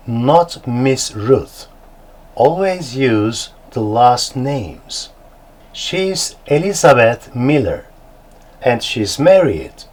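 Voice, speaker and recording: A man with a Turkish accent teaching beginner English, slow and deliberate, spelling words out letter by letter. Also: medium pitch, a little mellow, low-quality recording.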